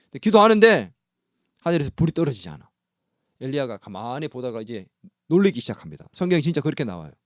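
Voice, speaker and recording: A male pastor preaching a sermon in an animated, dramatic storytelling manner. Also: medium pitch, quick pace, no echo, studio quality. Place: church.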